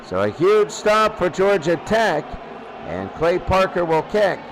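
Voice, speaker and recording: On live radio, a man calls a football match play-by-play in clipped, present-tense phrases that he often repeats. His voice is high and very animated but his pace is measured. The audio is poor, with a little hiss or hum.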